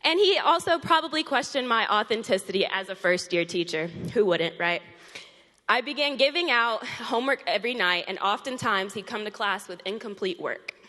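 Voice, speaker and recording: A woman's voice: mid-range voice, expressive, moderate pace, bright, forceful tone. A young woman in her twenties, a fourth grade teacher, giving an earnest speech to an audience, a little out of breath. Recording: long hall reverb.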